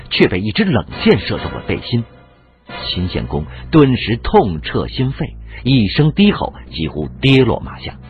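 A man's voice: breathy edge, dry recording. A man narrating a historical war story in a dramatic audiobook style, speaking with animation. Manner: animated, swinging pitch for dramatic effect. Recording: tinny phone-like audio, faint music.

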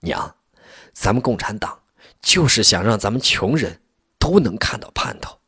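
A man voicing a young communist cadre who reassures poor villagers earnestly, with a husky voice. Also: fairly low pitch, big pitch swings, moderate pace, pushed and bright, no room sound, clean studio sound, heavily acted. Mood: reassuring.

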